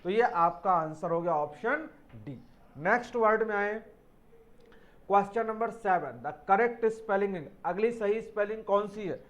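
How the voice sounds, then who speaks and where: A man's voice: sits high, animated, measured pace, a bit bright. A man teaching an English spelling lesson for exam students, explaining step by step, spelling words out letter by letter and calling his students children.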